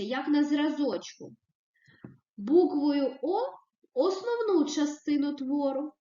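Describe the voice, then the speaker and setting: A woman teacher giving a recorded reading lesson to young children, asking questions and praising the answers in a slow, sing-song way. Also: sits high, darkish tone, reverberant, lo-fi sound. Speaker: primary school teacher.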